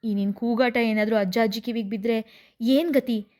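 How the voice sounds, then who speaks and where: A woman voicing a meek middle-aged mother who speaks haltingly and pleads. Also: on the high side, fairly even intonation, darkish tone, close to an everyday voice. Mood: pleading.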